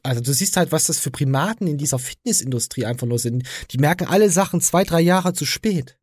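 A man's voice: on the high side, lively intonation, brisk, darkish tone, breathy edge, dry recording, clean studio sound. A young man with an East German accent hosting a casual podcast, ranting crudely and mockingly. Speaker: podcast host.

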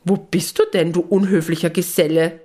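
A woman's voice: lowish voice, fairly even intonation, moderate pace, warm tone, close to an everyday voice. A woman voicing a cheerful little female Christmas elf in a children's story. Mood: bright.

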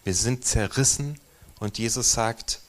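A man preaching a sermon in a church, moving between strong emphatic stresses and quiet, near-whispered lines. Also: medium pitch, a little slow. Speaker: pastor.

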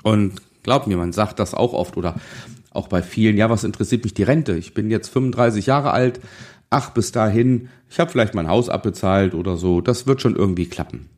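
Speaking straight to the audience, a podcast-hosting financial advisor in his forties gives an exhorting, motivational talk packed with rhetorical questions. His voice sits on the low side, a little mellow, and he talks fairly quickly.

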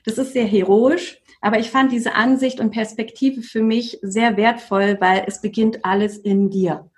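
A woman's voice: fairly high pitch, steady tone, normal speed, a little mellow. A woman, a yoga teacher, speaking as a podcast guest in an earnest, reflective way with many hesitant fillers. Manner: earnest and reflective, with frequent "ähm" fillers and repetitions. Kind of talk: casual conversational interview.

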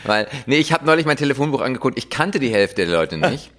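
A man's voice: mid-range voice, very animated, fast, fairly bright tone. A man co-hosting a comedic podcast, making dry, teasing remarks. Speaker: podcast co-host.

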